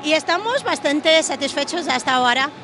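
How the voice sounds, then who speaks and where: High-voiced Portuguese woman at a trade fair. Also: lively intonation, fairly quick. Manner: hesitant, many filler sounds. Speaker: brand representative. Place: large exhibition hall at a fitness fair. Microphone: handheld reporter mic held to her. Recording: loud music and crowd in hall.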